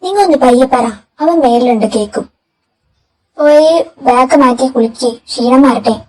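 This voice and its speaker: A woman's voice: high voice, normal speed, a little mellow. Woman voicing a fussing caring mother. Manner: fussing and soothing. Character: caring middle-aged mother, gently scolding. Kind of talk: fan audio drama. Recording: distant mic with faint noise.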